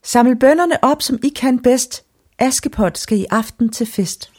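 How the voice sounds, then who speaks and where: A woman voicing a gentle, sad young girl who pleads softly in a lifted storybook voice. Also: on the high side, voice pushed up, lightly acted. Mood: pleading.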